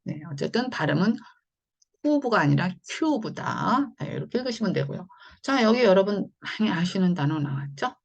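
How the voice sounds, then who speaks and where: A woman teaching English phonics in an online lesson, explaining patiently and slowly with many fillers. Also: mid-range voice, animated, creaky, darkish tone, muffled recording.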